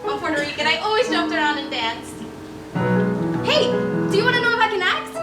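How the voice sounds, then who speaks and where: A woman's voice: extremely high pitch, lively intonation, brisk. A woman playing a defensive, wisecracking young dancer, on a school stage. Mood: sassy, nervous. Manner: sassy, defensive. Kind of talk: stage musical acting. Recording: echoey stage, distant mic, music behind.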